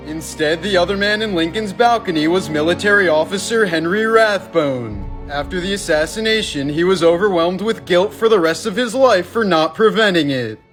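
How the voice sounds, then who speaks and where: A man reading creepy facts and stories in a measured, scripted narration. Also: high voice.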